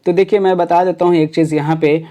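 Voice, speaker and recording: A man's voice: on the high side, level tone, dark tone, lo-fi sound. A man teaching exam preparation, explaining step by step with frequent hesitations. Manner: explains step by step with many fillers. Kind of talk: exam prep lecture.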